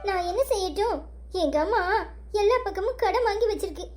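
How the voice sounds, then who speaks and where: A woman's voice: very high voice, expressive, fairly quick, music in the background. A woman voicing a young wife who pleads and apologizes to her husband in a cartoon story. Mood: pleading.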